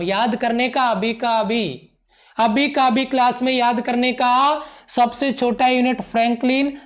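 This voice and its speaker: A man teaching a live online physics class, repeating each point and gently calling his students "beta". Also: extremely high pitch. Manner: mixes English terms into Hindi.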